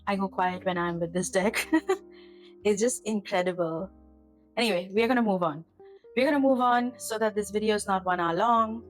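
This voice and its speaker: A woman's voice: medium pitch, normal speed, faint music behind, rough recording. Earnest, rambling woman chatting to camera. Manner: rambling, earnest, gets emotional and laughs. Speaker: tarot channel host. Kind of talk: casual chat to camera. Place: home kitchen.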